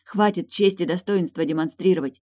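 A woman's voice: fairly low pitch, normal speed, darkish tone, pitched above the performer's own voice, close to an everyday voice. A woman reading an audiobook voices a headstrong young princess in love, eager and insistent. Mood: angry.

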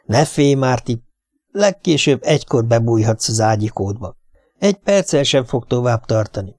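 Man reading as anxious husband, coaxing, gravelly, dry. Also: mid-range voice, expressive, darkish tone, no room sound. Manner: coaxing, reassuring, plain. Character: nervous, coaxing middle-aged husband.

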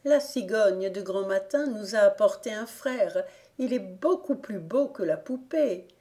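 A woman voicing an eager little girl who longs for a baby brother, speaking in an excited, pleading way. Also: medium pitch, unhurried, natural voice.

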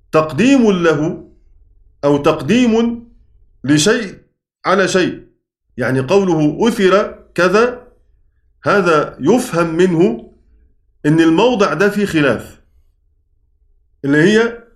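A man's voice: high-pitched, animated, a little slow, pauses often. Egyptian man teaching, echoey room. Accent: Egyptian Arabic. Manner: questioning students, repeating key words. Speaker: Quran teacher. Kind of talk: classroom lesson.

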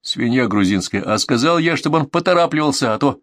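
A man reading an audiobook, voicing a calm, mocking fighter who gives quiet orders. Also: mid-range voice, a little fast, pitched above the performer's own voice, close to an everyday voice. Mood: cool. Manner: calm, sneering. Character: cool, mocking male fighter, unflappable.

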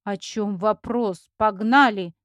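A woman's voice: medium pitch, slow, no room sound, close to an everyday voice. A woman voicing a spoiled, bossy rich young woman who drawls haughtily. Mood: haughty drawl.

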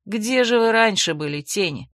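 A woman's voice: mid-range voice, moderate pace, fairly bright tone, dry recording. A woman narrating a fantasy audiobook in the first person, dry and matter-of-fact.

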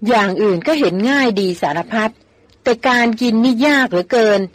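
A woman reader voicing a patient older brother who calmly explains and gently worries. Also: on the high side, a little fast, dry recording. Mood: worried. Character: patient older brother, steady young man.

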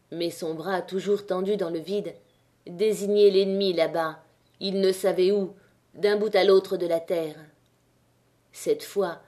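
Reading a classic novel aloud, this female audiobook narrator has a medium-pitched voice and a measured, expressive delivery.

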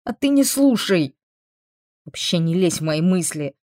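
A woman voicing a defiant young woman held captive, in an audiobook, pitched up and sharp. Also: animated, unhurried, no room sound, clean studio sound. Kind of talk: audiobook character voice.

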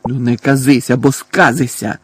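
A man's voice: medium pitch, steady tone, normal speed, breathy edge, dry recording, natural voice. A male narrator voicing a scruffy, shifty small-time crook who mumbles and stammers in slang. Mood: cowering.

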